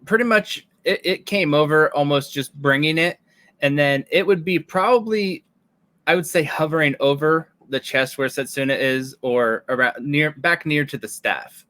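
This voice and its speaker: A man's voice: on the high side, normal speed, pushed and bright, dry recording. A man narrating as game master of a tabletop game, casual and thinking aloud.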